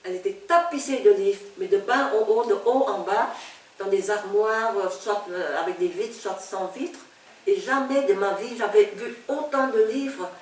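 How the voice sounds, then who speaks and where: An older woman from Vietnam speaking with a Vietnamese accent, a novelist reminiscing in an interview, halting and repeating words with frequent laughter. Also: medium pitch, darkish tone, far from the mic. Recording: echoey room, speaker off-mic.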